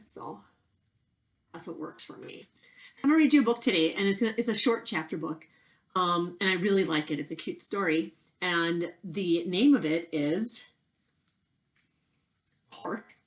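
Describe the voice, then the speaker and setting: A middle-aged woman with a lowish voice reads a story aloud to children in a bedroom at home, chatting casually and asking them questions. The recording quality is low.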